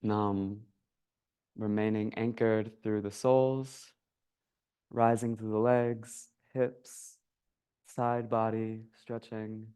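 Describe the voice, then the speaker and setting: Calm, slow-spoken male yoga teacher. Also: on the low side, clear, resonant tone. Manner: calm, unhurried guiding of breath and movement. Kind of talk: guided yoga class instruction. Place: yoga studio.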